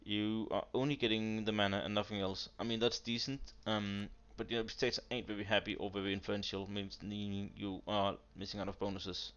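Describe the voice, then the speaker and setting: A man's voice: fairly low pitch, flat delivery, brisk, few pauses, fairly bright tone, smooth. Blunt man critiquing a strategy game. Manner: blunt, exasperated critique with frequent fillers. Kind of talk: casual commentary over gameplay. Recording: dull lo-fi mic with keyboard typing behind.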